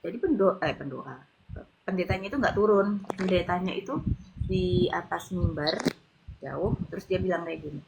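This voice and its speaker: A woman's voice: fairly low pitch, normal speed, vocal fry, muffled recording, noisy background. A woman casually telling her testimony in a chatty way, full of fillers, recorded on a handheld phone. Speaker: convert giving testimony. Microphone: handheld phone, no tripod.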